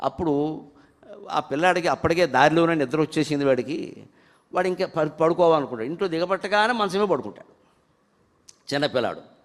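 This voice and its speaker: High-voiced man giving a devotional discourse. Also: expressive. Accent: Telugu. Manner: chants verses slowly and fervently between plain explanations. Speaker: spiritual speaker. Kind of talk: devotional discourse with sung verses. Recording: hall reverb.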